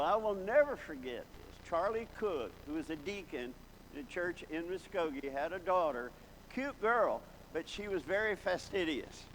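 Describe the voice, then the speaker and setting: Reminiscing preacher in a reverberant hall. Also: male voice, high voice, fairly bright tone. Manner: folksy, reminiscing, building to emphatic exclamations. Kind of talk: sermon with storytelling. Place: large church hall. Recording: long hall reverb, faint background noise.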